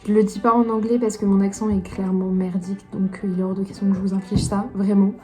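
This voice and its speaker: A woman's voice: mid-range voice, flat delivery, fast, warm tone, faint music behind. A young woman vlogging in a casual, chatty way, rambling and poking fun at herself, recorded on a phone camera. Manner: chatty, self-deprecating, rambling. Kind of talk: casual vlog chat.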